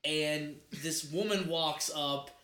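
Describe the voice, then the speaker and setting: High, bright-voiced man co-hosting a podcast. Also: slow pace. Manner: laughing, teasing storyteller. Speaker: podcast co-host. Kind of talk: casual chat. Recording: roomy echo.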